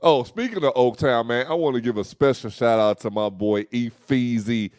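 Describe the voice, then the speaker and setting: A young man co-hosting a casual talk show, talking in loose slang and telling animated stories. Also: mid-range voice, moderate pace, dry recording, clean studio sound. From Dallas, Texas. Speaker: host. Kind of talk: casual podcast chat.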